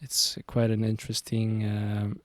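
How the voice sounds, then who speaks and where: A man in his twenties from Zurich, hosting a podcast episode outdoors in a relaxed, rambling way with many fillers and restarts. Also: fairly low pitch, measured pace, no echo. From Zurich, Switzerland. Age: 20s. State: sweaty in the heat. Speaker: podcast host. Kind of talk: casual solo monologue. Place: outdoors on a sunny hill.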